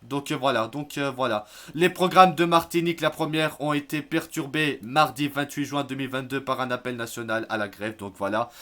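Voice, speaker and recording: A man giving casual spoken commentary on news articles, hesitant, filling pauses and restarting his sentences. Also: medium pitch, a bit bright. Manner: hesitant, many fillers and restarts, admits stumbling over words. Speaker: YouTube news vlogger.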